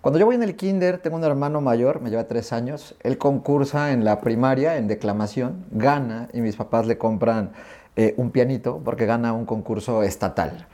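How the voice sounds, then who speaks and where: Interviewed as a guest, a middle-aged Mexican-accented man recounts stories from his childhood with animation, performing the dialogue he remembers. He speaks at normal speed in a medium pitch.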